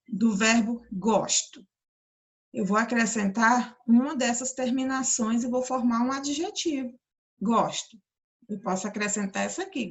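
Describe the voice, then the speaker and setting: A female teacher with a slightly high voice and a Brazilian Portuguese accent explains a grammar lesson in a recorded class. She stretches out example words slowly and frequently checks that her listeners are following.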